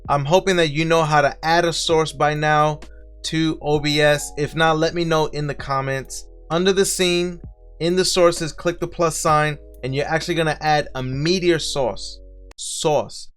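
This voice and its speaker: A man with a Brooklyn accent hosting a casual software tutorial, friendly and walking viewers through each step. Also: a little high, fairly even intonation, normal speed, clear, resonant tone, soft background music. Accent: Brooklyn New York. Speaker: streaming tutorial host.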